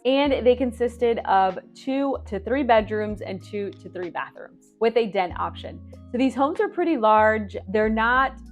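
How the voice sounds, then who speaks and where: A woman's voice: mid-range voice, muffled recording. A woman from Florida giving a chatty, casual walkthrough of neighborhoods as a real estate vlogger, with informal asides.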